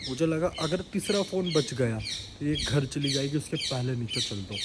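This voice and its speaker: A talkative young man with a high voice chats his way through a casual, rambling vlog. He jokes as he goes, recorded on a phone outdoors. Traffic noise runs clearly behind him. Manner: chatty, rambling, jokey. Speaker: vlogger. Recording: noisy street with passing traffic.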